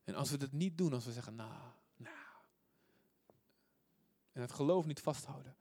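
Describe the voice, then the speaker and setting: A man's voice: mid-range voice, quick pace, no echo. Impassioned man preaching a sermon. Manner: swings from loud emphatic scripture reading to quiet asides; asks the audience questions often.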